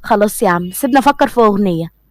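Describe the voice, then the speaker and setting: A woman's voice: medium pitch, animated, rapid-fire, no echo. A woman with an Egyptian accent reading a romance story aloud and voicing all the characters. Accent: Egyptian Arabic.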